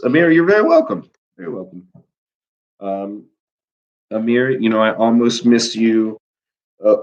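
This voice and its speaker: Streaming a live class from home, a male teacher with a blocked nose rambles casually, leaning heavily on fillers. He has a lowish, slightly mellow voice, heard through a dull lo-fi recording.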